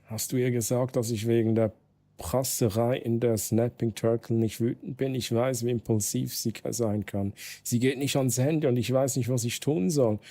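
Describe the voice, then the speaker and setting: A man's voice: mid-range voice, fairly even intonation, moderate pace, warm tone, lightly acted. A man reading as a grieving, pleading mother. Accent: Swiss German. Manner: pleading, anxious, read-aloud text messages. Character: grieving mother, worried and desperate.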